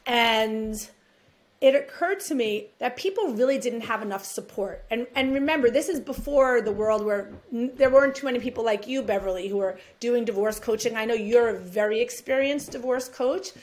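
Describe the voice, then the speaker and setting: A woman's voice: fairly high pitch, normal speed. A woman with a New York accent, a divorce mediator talking in a rambling, chatty way on a podcast interview. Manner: chatty, rambling, self-deprecating laughs.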